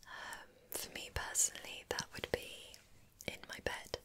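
An ASMR host leads listeners into relaxation, her breathy whisper calm and never rushed as she guides them along gently.

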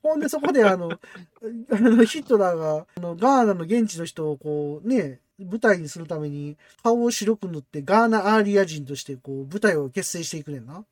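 A man with a Kansai accent chatting on a podcast, his pitch leaping all over as he tells a story and laughs. He gets excitable. The sound is close and dry, with no room around it. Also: fairly quick, no echo. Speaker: podcast host. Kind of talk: casual chat.

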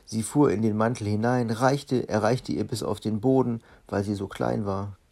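A man's voice: fairly low pitch, steady tone, normal speed, creaky, warm tone. A man reading a children's book aloud in a friendly storytelling manner.

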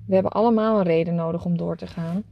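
A woman voicing a gentle, wise old horse in a storybook, speaking softly and reassuringly. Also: on the low side, steady tone, fast talker, creaky, lo-fi sound.

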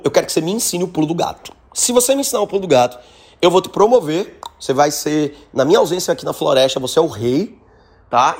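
A man's voice: fairly high pitch, a little mellow, breathy edge. A man with a Brazilian Portuguese accent voicing a big, frustrated, scheming male tiger in a told fable, blustering and bargaining.

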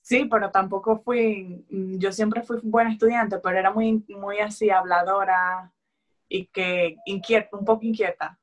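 A woman in her twenties in casual chat, easygoing and a little hesitant, with fillers and pauses. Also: mid-range voice, steady tone.

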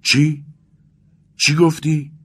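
A man's voice: very deep voice, very animated, vocal fry, a little mellow, slightly rough, full character voice. A man voicing a devoted, worried young friend who speaks in an urgent, coaxing way. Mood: alarmed.

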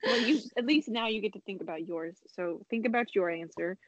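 A woman's voice: mid-range voice, fairly quick. A young woman in her twenties co-hosting a casual podcast, telling stories and acting out her own past remarks. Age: 20s. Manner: animated storyteller who acts out her own past remarks. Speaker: co-host. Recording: dull lo-fi internet call audio.

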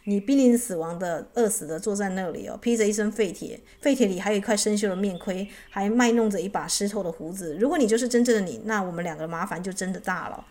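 Woman doing a calm wise inner voice. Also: mid-range voice, fast, hardly any pauses, close to an everyday voice. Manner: gentle, patient.

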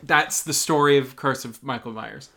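A man's voice: medium pitch, moderate pace, pushed and bright. A man co-hosting a podcast, recapping a film series in casual chat, rambling with many ums and restarts. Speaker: podcast co-host.

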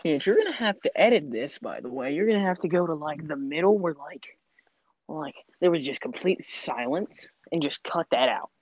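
A man's voice: fairly high pitch, expressive, moderate pace, dry recording. A man with a bouncy, up-and-down voice teases his co-host in a casual podcast chat. His sound is dry and close, with dull, lo-fi audio. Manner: playful, teasing. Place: his bedroom.

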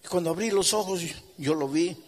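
A male pastor telling a story in his sermon with animated, emphatic delivery. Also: high-pitched, brisk, a little hiss or hum.

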